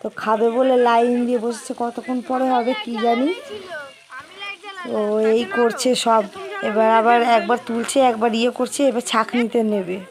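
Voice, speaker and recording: A middle-aged woman with a hoarse voice from a cold, chatting casually as she films a family outing on her phone. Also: a little high, flat delivery, moderate pace, a crowd in the background. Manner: chatty, walking and pointing things out. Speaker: family vlogger. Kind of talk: casual vlog narration.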